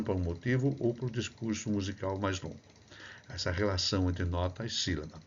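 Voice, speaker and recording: Low-voiced Brazilian man giving a lecture. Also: muffled recording, a little hiss or hum. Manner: explanatory, demonstrates syllables aloud, frequent "né?" tag. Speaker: music researcher and clarinet teacher. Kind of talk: recorded lecture with slides.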